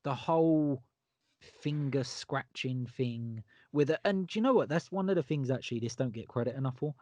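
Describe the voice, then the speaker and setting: A man co-hosting a horror podcast chats casually, enthusiastic and emphatic, often repeating himself. His mid-range voice is a little mellow and moves at a normal speed, recorded dry.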